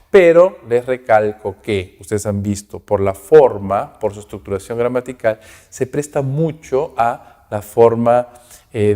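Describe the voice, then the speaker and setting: A man teaching an English grammar class to students, explaining example sentences and checking in constantly with quick questions. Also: on the low side, dark tone. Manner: switches between Spanish and English example sentences; addresses students directly. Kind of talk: recorded class lecture.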